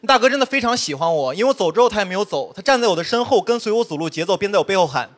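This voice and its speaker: A young man performing a stand-up comedy set on stage, telling quick self-mocking stories with constant asides to the audience. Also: sits high, expressive, fairly bright tone, slight background noise. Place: studio stage before a live audience. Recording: live stage mic with audience laughter. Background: audience laughter.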